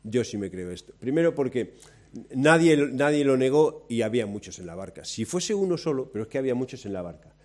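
A man preaching a sermon, telling the story with lively acted-out quotes and questions to the listeners. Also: mid-range voice, brisk. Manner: lively storytelling, acts out quoted voices, asks the audience questions.

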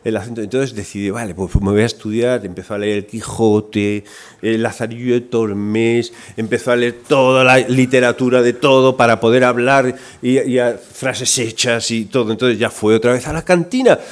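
A man's voice: medium pitch, normal speed. A man with a Spain Spanish accent preaching a sermon, telling a story and acting out its voices with energy. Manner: lively, acts out the voices in his story.

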